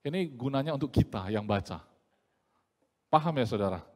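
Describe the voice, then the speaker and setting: A man preaching a sermon in a lively, joking way, often acting out the voices he quotes. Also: medium pitch, moderate pace, in a large hall.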